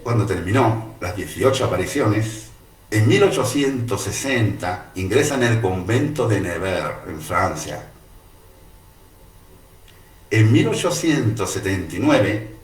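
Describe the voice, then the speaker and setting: A man telling a story in a dramatic, animated way and acting out the voices. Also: fairly low pitch. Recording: roomy, distant mic.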